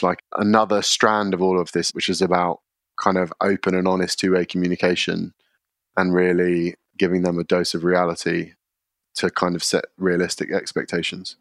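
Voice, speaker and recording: A man, a podcast guest explaining his workplace practices in a measured way, often using fillers. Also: deep voice, no room sound, clean studio sound. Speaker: guest, contact centre leader. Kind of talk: podcast interview answers.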